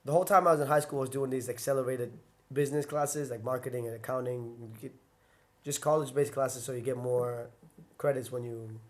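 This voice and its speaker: A young man guesting on an interview podcast recounts his early fighting days in a casual storytelling way, rambling onto tangents, saying "like" constantly, and correcting himself repeatedly. His mid-range voice is steady and brisk.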